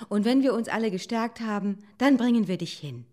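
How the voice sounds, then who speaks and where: A woman voicing an eager, quick-witted male fox in a storybook reading, urgent and pushy. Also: medium pitch, lively intonation, a little mellow, pitched above the performer's own voice, lightly acted. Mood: reassuring.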